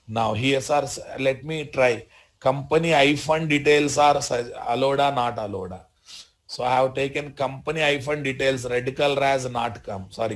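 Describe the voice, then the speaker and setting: A man with a Telugu Indian accent gives a live programming lesson at a middle pitch. He speaks in short instructional phrases, says key points again, and keeps checking understanding with questions. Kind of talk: live software tutorial.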